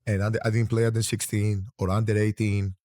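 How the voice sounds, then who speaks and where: A man's voice: lowish voice, level tone, brisk, darkish tone. A man from Greece hosting a casual interview, talking in rambling sentences that often restart. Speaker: podcast host.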